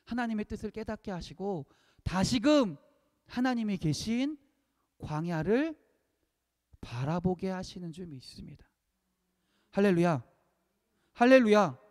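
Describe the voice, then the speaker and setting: A man preaching a sermon, emphatic, repeating key phrases and swinging between loud peaks and hushed lines. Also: sits high, lively intonation, measured pace, long pauses. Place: church sanctuary. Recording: long reverb of a church hall.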